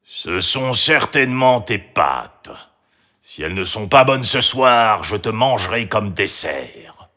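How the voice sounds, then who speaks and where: A man puts on a grumpy male monster from a storybook, gruff and threatening. The voice drops lower than his own and drags along slowly, with an odd, changed tone. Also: lively intonation, pushed and bright, heavily acted. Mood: menacing.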